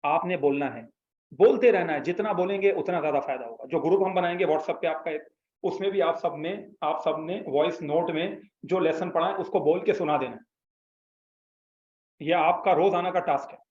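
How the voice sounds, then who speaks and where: This man's voice is fairly high-pitched with a darkish tone, and he talks at a normal speed. He's patiently teaching Arabic, explaining and getting students to repeat his words, recorded in an echoey space with a slightly dull sound.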